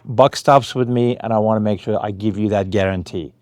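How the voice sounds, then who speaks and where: A man giving an earnest, reassuring sales pitch to real estate agents. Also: brisk, a little mellow, no room sound. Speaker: company founder addressing agents.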